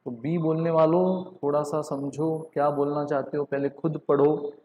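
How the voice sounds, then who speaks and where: A man with an Indian accent giving a live online lecture, switching between Hindi and English, reading statements out slowly and calling on students by name. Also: on the high side, fairly even intonation, warm tone, reverberant, in a large hall. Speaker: online teacher.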